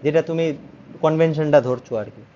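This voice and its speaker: A man with a Bengali accent teaches physics, going slowly and patiently through each step. His voice sits a bit high but sounds mellow. The recording is dull and lo-fi with a faint hiss behind it. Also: steady tone. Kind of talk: online physics lesson.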